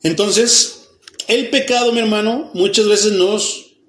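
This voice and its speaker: His words echoing off the walls of a church hall, a Mexican pastor with a fairly high voice leads a Bible study at a slow pace. His Mexican Spanish accent is clear, and he fires questions at the congregation before answering them himself, acting out the people he quotes and even mock babbling.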